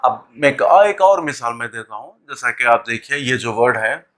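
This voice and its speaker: A man teaching English pronunciation in a lesson, talking deliberately, repeating sounds and words with many pauses. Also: mid-range voice, a bit bright. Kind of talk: classroom lesson explaining pronunciation.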